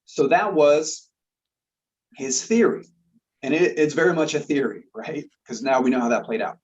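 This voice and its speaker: A man's voice: fairly high pitch, moderate pace, darkish tone. A man explaining a topic earnestly in casual conversation. He often repeats words and checks in with "right?". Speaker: guest expert. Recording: slightly dull lo-fi sound.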